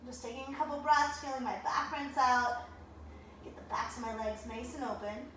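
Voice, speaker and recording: Woman yoga teacher, high and bright, calm encouraging cues, echoey room, mic set far back. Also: moderate pace, slight background noise. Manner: calm, encouraging breath counting. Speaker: yoga instructor. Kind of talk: guided yoga class cues. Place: home room, traffic outside.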